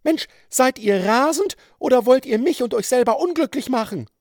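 A flustered, indignant respectable lady cries out in a high, shrill voice, as a man puts her on. Her pitch swings wildly, the sound dry and close. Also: lively intonation, unhurried, creaky, no echo, exaggerated voice.

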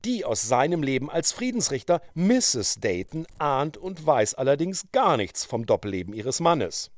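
A man tells a story in an expressive, animated reading voice. His pitch moves a lot, and the sound is dry and close. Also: a little slow, no echo. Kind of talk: storytelling narration.

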